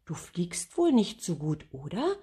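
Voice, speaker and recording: A woman's voice: lowish voice, very animated, measured pace, husky, heavily acted. Grandma voicing a cheerful little girl dragon. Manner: bright, friendly and forthright. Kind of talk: storybook reading.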